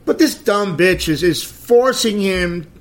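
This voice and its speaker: A man's voice: sits high, animated, slow. A middle-aged man hosting a podcast, ranting about celebrity gossip in a crude, sarcastic way. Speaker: podcast host. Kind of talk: blunt celebrity gossip commentary.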